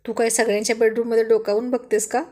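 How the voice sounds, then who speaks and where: Brief: woman voicing a playful husband, joking and flirty, highish voice. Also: flat delivery, fast talker, mellow, natural voice. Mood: teasing.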